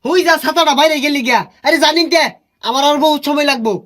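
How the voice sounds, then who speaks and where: High-voiced man with grumbling banter. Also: fast talker, bright, forceful tone, dry recording, studio quality. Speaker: comedy sketch actor. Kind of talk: comic sketch acting.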